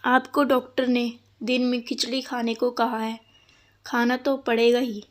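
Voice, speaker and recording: Patient young daughter-in-law, gentle and soft-spoken, played by a woman. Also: a little high, measured pace, lightly acted. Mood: firm. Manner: calm, polite replies.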